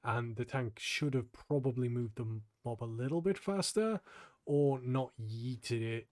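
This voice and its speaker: A man's voice: medium pitch, a little slow. Tired young man explaining gameplay. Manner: relaxed, explanatory, frequent ums. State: tired, yawning. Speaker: gaming channel host. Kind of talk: casual gameplay guide commentary.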